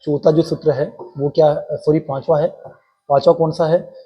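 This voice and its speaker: A man's voice: on the high side, level tone, moderate pace, husky, highs cut off. A male teacher explaining a Sanskrit grammar lesson for exam preparation, going step by step and quizzing his students with repeated questions.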